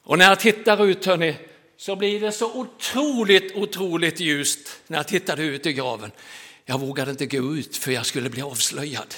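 A middle-aged man, a pastor, preaching a sermon and telling a story with dramatic rises and soft drops. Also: on the high side.

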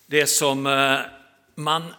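A middle-aged man, a pastor, preaching a sermon and telling a story with dramatic rises and soft drops. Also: mid-range voice, flat delivery, clear, resonant tone.

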